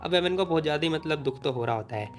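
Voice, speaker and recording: A man's voice: a little high, expressive. A young man casually narrating a comic recap in a chatty way, full of fillers. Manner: chatty, fast, many fillers. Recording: faint background music.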